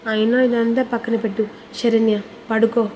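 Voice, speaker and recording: A woman voicing a gentle young husband who speaks in a soothing, hushed way to keep the peace. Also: a little high, flat delivery, normal speed, a little hiss or hum, lightly acted.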